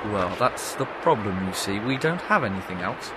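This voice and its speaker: A man's voice: fairly low pitch, animated, moderate pace, background noise, lightly acted. A man playing the Doctor, an eccentric time traveller, with a breezy, theatrical manner in an audio drama. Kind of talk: amateur audio drama acting.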